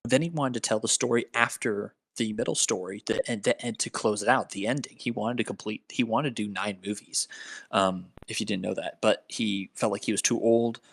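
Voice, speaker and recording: Gravelly young man rambling on a podcast. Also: fairly low pitch, brisk, dry recording. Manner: rambling, filler-heavy, restarts. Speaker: podcast co-host. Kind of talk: casual podcast chat.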